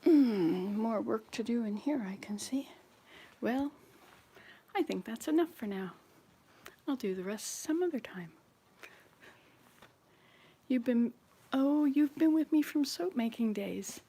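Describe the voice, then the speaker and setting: A woman's voice: a little high, animated, slow, long pauses, mellow, slight background noise. A woman in her sixties chatting casually to viewers while she cleans her house, rambling from one chore to the next. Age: 60s. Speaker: vlogger. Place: home indoors.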